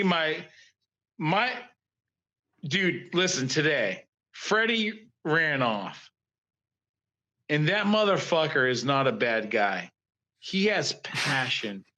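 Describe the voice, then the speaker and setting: A man, a guest artist on a podcast, talking in a loose, profane, rambling way and acting out stories. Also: a little high. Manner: profane, rambling, animated storytelling. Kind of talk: casual interview chat.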